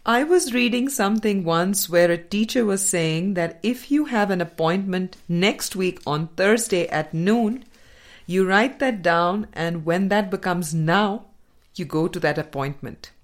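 With a fairly low-pitched voice, an audiobook narrator reads aloud from a spiritual book. She keeps a measured, deliberate pace, leaving pauses between phrases of the scripted text.

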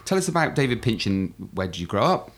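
A man's voice: mid-range voice, big pitch swings, fast. A man hosting a podcast, reading an upbeat intro and then putting questions to his guest. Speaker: podcast host.

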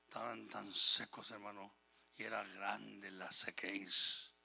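Man preaching a sermon, impassioned, swings between loud and soft, very bright sharp voice. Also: lowish voice, level tone, slow pace, vocal fry, slightly rough, soft background music. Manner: impassioned, rising and falling in volume, quotes scripture and God's voice; switches briefly into English phrases. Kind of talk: Spanish-language sermon.

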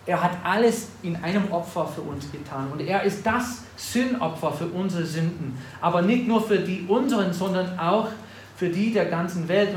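Preacher in an echoey room. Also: male voice. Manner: reads scripture with rising emphasis, then drops low and earnest. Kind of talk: sermon. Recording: echoey room with faint ambient noise.

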